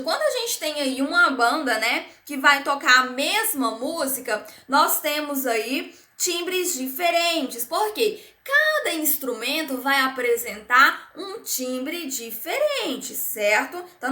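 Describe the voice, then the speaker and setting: A Brazilian woman teaching a recorded primary school science lesson. Her voice is high and bright. She explains things step by step, repeating herself and checking with the class, and the sound has the echo of a room. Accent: Brazilian Portuguese. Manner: patient, repetitive explaining with frequent "né?" and "certo?".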